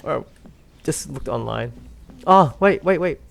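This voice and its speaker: A let's play host with a medium-pitched, creaky, expressive voice delivers casual commentary at an unhurried pace while gaming. He talks both to himself and to viewers, exclaiming often and giggling frequently.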